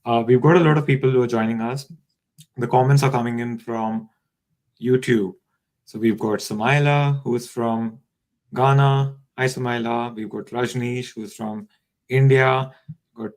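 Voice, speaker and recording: A man's voice: mid-range voice, fairly even intonation, a little slow, a little mellow, poor audio. A man hosting a live online session, welcoming viewers and reading out their comments over a video call. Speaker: live-stream host.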